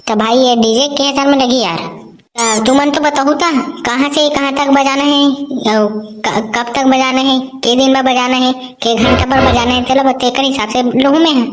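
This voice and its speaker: Chhattisgarhi woman doing cartoon guys, rowdy teasing talk, kinda high voice, noisy hiss behind. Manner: rough, teasing banter. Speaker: cartoon voice artist. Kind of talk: comic cartoon dialogue.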